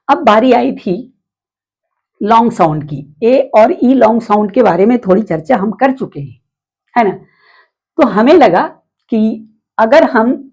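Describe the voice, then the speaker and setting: Husky, darker-toned woman teaching. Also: on the high side, warm tone. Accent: Hindi. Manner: repeats terms and asks the class rhetorical questions. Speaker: English teacher. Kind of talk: explanatory video lesson.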